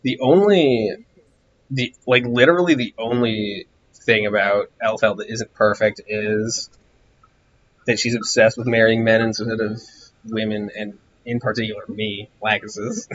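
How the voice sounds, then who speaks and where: A low-pitched man talks through his gameplay in a loose, wandering way, thinking aloud and getting sidetracked. His voice is hoarse and wearing out. The stream audio is dull and lo-fi, with a faint hiss underneath. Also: steady tone, measured pace. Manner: rambling, distracted, musing aloud. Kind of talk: casual gameplay commentary.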